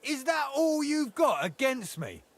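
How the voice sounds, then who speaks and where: An actor playing a hot-tempered soldier corporal accused of murder, defiant and swearing in a video game. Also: male voice, very high voice, very animated, measured pace, heavily acted. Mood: indignant. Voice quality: gravelly, hoarse-edged shouting.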